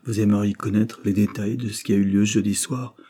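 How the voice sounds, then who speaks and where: A man voicing a calm, grave young man who patiently explains the law, with a husky low voice. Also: brisk, lightly acted.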